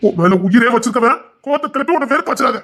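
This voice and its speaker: An insistent husband in a TV serial talks fast and scolds his wife to stop shouting. His voice is high and bright, with a sharp edge. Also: expressive, full character voice. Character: husband defending himself, pleading then angry.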